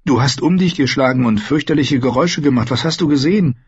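A man reading an audiobook, voicing a caring, practical young woman who asks softly and with concern. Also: mid-range voice, fast talker, slightly rough, pitched above the performer's own voice. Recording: dull lo-fi recording.

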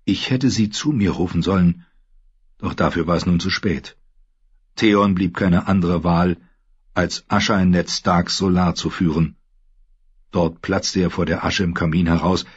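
Husky-voiced male audiobook narrator. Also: deep voice, little pitch movement, measured pace, no room sound, dull audio. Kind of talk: scripted narration.

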